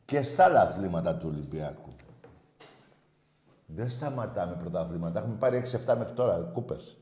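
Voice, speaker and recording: A brash man hosting a call-in radio show, loudly insulting callers and boasting. His voice sits low but leaps up and down constantly. The room around him is echoey. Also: lively intonation. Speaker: radio show host taking calls.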